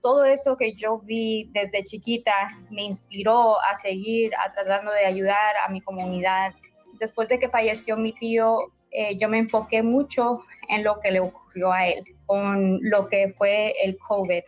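A woman's voice: medium pitch, flat delivery, measured pace, lo-fi sound, soft background music. A woman from Guatemala telling her personal story in an earnest public service ad.

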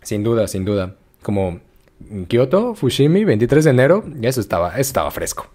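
A man with a Mexican Spanish accent, hosting a podcast and retelling history in a slangy, animated way, full of acted-out quotes. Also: mid-range voice, brisk. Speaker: podcast host. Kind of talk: casual storytelling chat.

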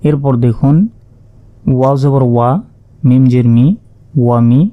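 A man teaching word-by-word Quran reading, spelling out each letter and vowel mark before slowly joining them into the recited word. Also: mid-range voice, little pitch movement, smooth, highs cut off. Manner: slow, drawn-out recitation of joined words.

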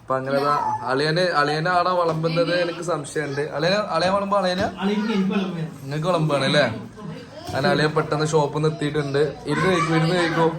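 A man's voice: fairly high pitch, fairly even intonation, quick pace, a crowd in the background. A man giving casual running commentary for a family vlog, chatty and joking, speaking straight to his viewers. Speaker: family vlogger.

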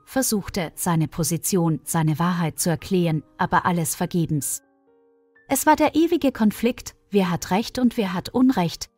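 A woman reading a scripted story in a calm, even storytelling manner. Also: on the low side, no echo. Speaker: narrator. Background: faint music.

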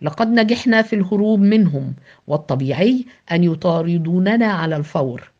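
A woman voicing a firm, measured male team leader in an audio novel. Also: lowish voice, expressive. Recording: dull lo-fi with background music.

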